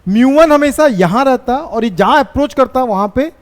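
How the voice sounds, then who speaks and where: A man teaching physics in a classroom, dictating English notes in a Hindi accent, slow and repetitive, and teasing his students with scolds. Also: extremely high pitch, animated, long reverb tail. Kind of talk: classroom lecture at a board.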